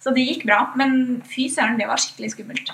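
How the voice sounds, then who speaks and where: A woman with a Norwegian accent recounts a story in a chatty, animated way, full of fillers and quoted thoughts. Her voice sits a little high. She is heard from some distance, in a roomy, echoing space. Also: creaky. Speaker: guest. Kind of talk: casual storytelling.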